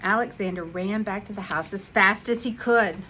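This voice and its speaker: A woman's voice: mid-range voice, moderate pace, a little hiss or hum, poor audio. Woman reading a picture book aloud. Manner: expressive, animated read-aloud delivery. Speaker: instructional coach.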